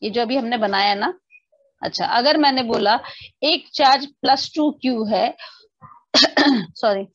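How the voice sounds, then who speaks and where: A woman's voice: a little high, a little slow, pauses often, no echo. Dry, slightly muffled woman teaching physics. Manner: explains step by step, often asking students if they understood; mixes English definitions into the explanation. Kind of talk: online class lecture.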